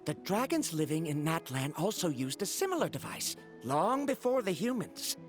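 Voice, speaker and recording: An actor voices an earnest male researcher of ancient dragons in scripted video game dialogue, explaining things in a formal, pedantic way that sounds eager and earnest. His voice is on the high side and very animated, moderately paced, and set over music.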